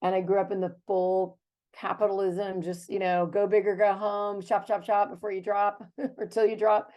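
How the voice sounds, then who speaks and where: A woman's voice: mid-range voice, little pitch movement, normal speed, darkish tone. A woman in her fifties from the United States, hosting a casual video chat in a chatty, enthusiastic way. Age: 50s. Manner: chatty and enthusiastic, with fillers and laughs. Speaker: host.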